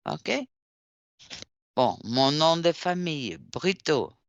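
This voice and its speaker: A woman teacher, deliberately spelling out words letter by letter during a class. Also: sits low, very animated, dry recording. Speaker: language teacher. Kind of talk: online class instruction.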